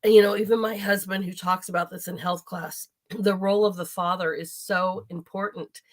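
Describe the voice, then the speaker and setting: A woman's voice: mid-range voice, steady tone, normal speed. Chatty woman hosting an interview. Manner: chatty, enthusiastic, talks to the audience directly. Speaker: host. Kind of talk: casual interview chat.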